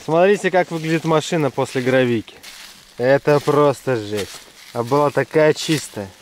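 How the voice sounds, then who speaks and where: A man chats wryly as he drives and walks through a rainy forest. His voice sits at an ordinary middle pitch. Car hum and outdoor noise run clearly behind him. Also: moderate pace. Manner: chatty, wry remarks while driving and walking. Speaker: travel vlogger. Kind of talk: casual travel vlog commentary. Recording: noisy outdoor and car recording.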